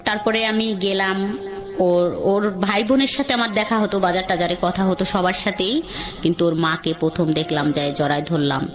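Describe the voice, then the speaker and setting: A woman with a Bangladeshi accent and a lowish voice recounts her own life story in a rambling, colloquial, conversational way. She speaks at a normal speed in a steady tone, with music playing beneath her.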